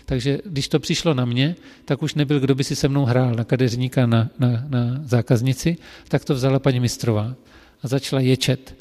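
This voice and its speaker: A male hairdresser who tells personal stories in a casual, lively way, with frequent fillers. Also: mid-range voice, long reverb tail. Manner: animated and lively when telling anecdotes, with frequent fillers.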